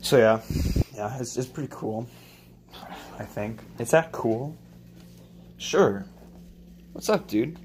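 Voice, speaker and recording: A young man rambles crudely while he cooks in a home kitchen, filming himself on a handheld phone. His voice sits at a medium pitch, mumbled and offhand, full of swearing. Faint background noise runs under the phone recording. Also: slow, pauses often. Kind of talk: rambling casual vlog while cooking. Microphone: phone camera held and moved around.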